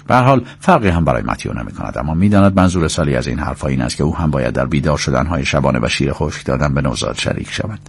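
A man narrating an audiobook in a measured, descriptive way. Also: sits low, vocal fry, no echo.

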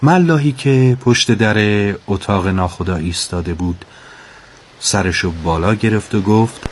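A man narrating a storybook tale in a calm, measured way with dramatic pauses. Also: fairly low pitch, husky.

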